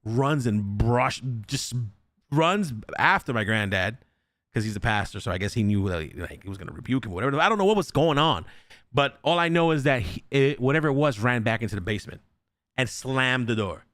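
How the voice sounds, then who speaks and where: A young man on a podcast tells a haunted-house story in a loose, casual way. He swears freely and acts out every quote with real energy, his pitch swinging widely. The sound is close and dry. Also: animated, a little fast, a bit bright, no echo. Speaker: podcast host.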